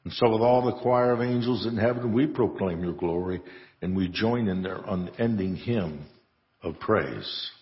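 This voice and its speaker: Low-voiced priest in cathedral echo. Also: male voice, moderate pace. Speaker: priest presiding at a Eucharist. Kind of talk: solemn liturgical recitation. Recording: cathedral-like echo, long reverb, muffled sound.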